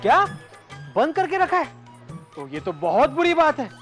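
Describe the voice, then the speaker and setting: A man's voice: very high-pitched, huge pitch swings, moderate pace, a bit bright, faint music behind, full character voice. An actor voicing a stern, self-righteous male neighbor in a cartoon with a preachy manner.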